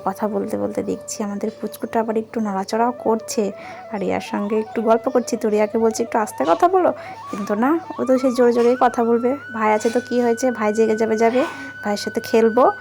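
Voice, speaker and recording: A woman's voice: fairly high pitch, gravelly. A woman, a mother chatting to her viewers in a casual family vlog at home. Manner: chatty, addresses viewers directly. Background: background music.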